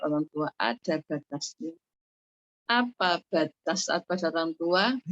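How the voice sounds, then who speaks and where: Lady giving an online sermon, lowish voice, muffled lo-fi sound. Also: no room sound. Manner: explanatory, repeats and rephrases points, frequent fillers. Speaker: religious teacher. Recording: dull muffled lo-fi audio.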